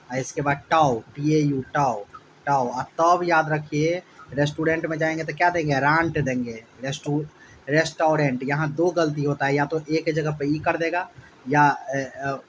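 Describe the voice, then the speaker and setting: A man's voice: fairly high pitch, low-quality recording. Male teacher, spelling lesson, letter-by-letter spelling, repeats syllables, faint background hiss. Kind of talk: spelling lesson for exam students.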